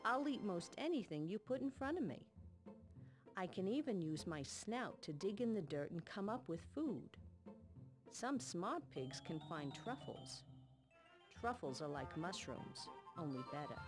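A woman's voice: lowish voice, animated, measured pace, over music. A woman voicing a jolly hungry pig in an educational game, playful and jokey.

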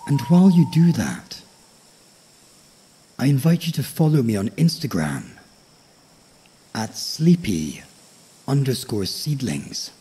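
A man with a husky, breathy voice hosting a bedtime podcast, soothing, unhurried and polite. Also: medium pitch, big pitch swings, mellow. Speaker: host of a sleep story podcast. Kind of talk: calm bedtime podcast introduction.

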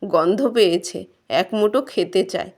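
Woman reader doing a poor, gentle old village farmer, soft and pleading, storybook reading. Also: mid-range voice, unhurried, close to an everyday voice. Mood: tender.

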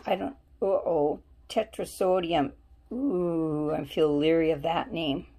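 Her voice sits low, slow and mellow, with a steady tone. She is a vlogger at home showing her soap haul on camera, talking casually and pondering the labels.

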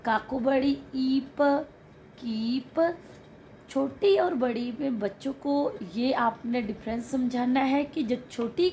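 A woman teacher walking through a children's worksheet, spelling out syllables slowly and drawing out each sound. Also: fairly high pitch, darkish tone, slight background noise. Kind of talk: worksheet walkthrough lesson.

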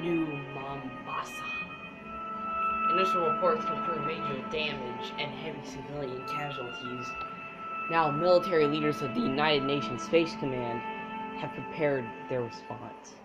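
Sitting in a room in front of a TV screen, a gamer records a casual let's play, commenting and reading the intro text aloud. His voice is mid-range and moderately paced. The recording is dull and muffled, with loud game music coming from the TV.

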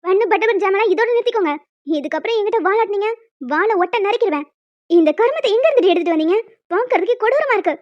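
A woman voicing a stern, bossy middle-aged female hostel warden in a cartoon, speaking in a lower, scolding voice. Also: expressive, racing, darkish tone, no room sound, muffled recording. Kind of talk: cartoon voice acting.

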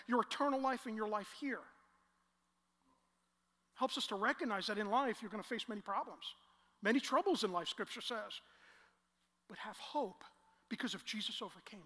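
A man's voice: high-pitched, pushed and bright. Male pastor, scripture reading turning into fervent preaching, big reverberant church hall. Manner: reads scripture then preaches with rising passion. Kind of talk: sermon. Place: church sanctuary.

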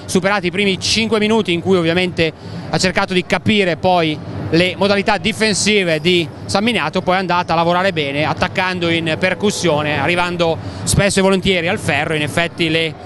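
High-pitched male basketball commentator, noisy arena. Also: fairly even intonation, brisk. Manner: wordy, colourful, rhetorical turns of phrase. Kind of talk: live sports commentary in Italian broadcast manner. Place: large indoor basketball arena, commentary position. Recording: noisy sports hall ambience. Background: clear arena noise.

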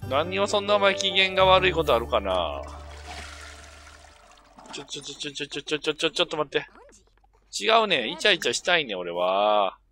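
A middle-aged man talks over a game in a loose, grumbling mutter. His pitch swings widely from low asides to sharp yelps, and his voice has a bright, tense edge. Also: sing-song, fairly quick. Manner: grumbling, muttering running commentary with sudden outbursts. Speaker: gameplay commentator. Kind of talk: casual game commentary.

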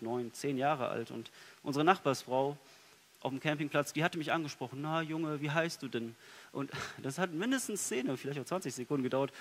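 A man preaching a sermon in a church, earnest, moving between soft, quiet passages and emphatic ones. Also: on the high side. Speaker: pastor.

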